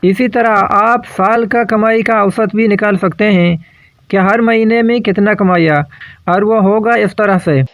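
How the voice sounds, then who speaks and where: A man's voice: high-pitched, fairly even intonation, a bit bright, no room sound. A man explaining a simple math method step by step in a patient lesson, working through examples. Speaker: math teacher.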